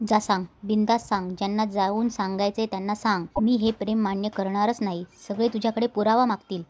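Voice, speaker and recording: A woman's voice: medium pitch, level tone, brisk, darkish tone, lightly acted. A woman voicing a torn young man in love, scolding and pleading urgently in a serial recap.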